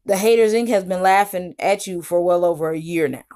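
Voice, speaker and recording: A woman's voice: on the low side, brisk, a little mellow. A woman YouTube commentator giving mocking reaction commentary, talking scornfully and lecturing.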